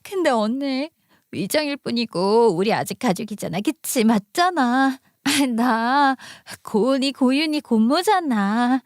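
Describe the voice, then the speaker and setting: A woman's voice: on the high side, lively intonation, slow pace, no room sound, studio quality, voice pushed up. A woman voicing a desperate young sister-in-law who pleads and clings in a radio story. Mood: pleading.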